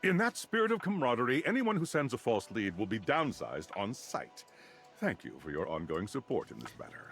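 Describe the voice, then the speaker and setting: A man's voice: medium pitch, very animated, brisk, a bit bright, soft background music. A man voicing a smug, self-important male company boss who delivers a stiff corporate announcement with chuckles. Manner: pompous memo-style announcement.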